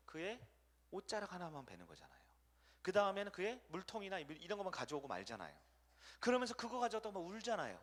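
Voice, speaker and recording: A man's voice: high voice, fairly bright tone. A middle-aged man preaching a sermon as a pastor. He keeps asking the congregation questions, answers them himself, and acts out short voices.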